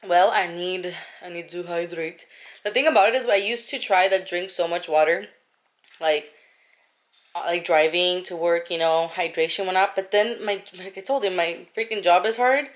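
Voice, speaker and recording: Her voice is fairly low and moderately paced. This young vlogger talks into a close-held camera, chatty and rambling with plenty of fillers and asides, starting in a car and ending up at home.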